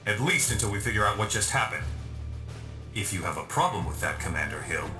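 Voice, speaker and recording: An actor playing a brash, commanding armored hero in a video game cutscene, sardonic and authoritative. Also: male voice, fairly low pitch, animated, brisk. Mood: firm. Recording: roomy echo under loud music.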